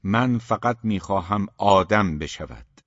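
A man doing a gruff, scornful father. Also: lowish voice, lively intonation, no echo. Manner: mocking, growling. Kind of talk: audiobook character voice. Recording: dull, muffled dry recording.

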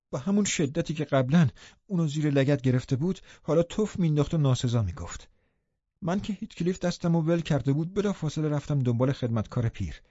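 A man's voice: mid-range voice, warm tone, no echo, dull audio. A man narrating a classic novel in first person as an audiobook, reading expressively and dramatically.

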